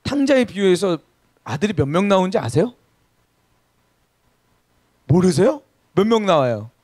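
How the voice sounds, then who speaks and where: A man's voice: high voice, big pitch swings, normal speed, darkish tone, no room sound, clean studio sound. A man in his thirties preaching a sermon as pastor in a church service, telling funny stories and asking the congregation questions. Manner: engaging, asks the congregation questions, humorous storytelling.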